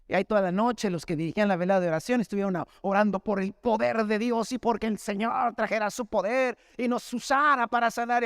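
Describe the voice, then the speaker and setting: Man, Mexican accent, pastor, sermon testimony, conversational storyteller, high-pitched voice, dry sound. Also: smooth, no room sound. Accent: Mexican Spanish. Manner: conversational storytelling, often calling listeners "hermano".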